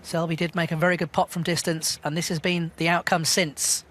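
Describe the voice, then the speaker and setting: A man giving hushed live snooker commentary in a measured, understated way. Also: on the high side, level tone, background noise.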